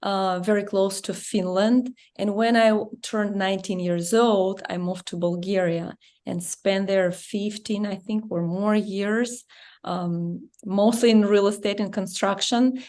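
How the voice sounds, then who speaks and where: A middle-aged woman from Russia with a Russian accent, a native Russian speaker, telling her story as an interview guest in earnest, halting English. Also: medium pitch, fairly even intonation, darkish tone.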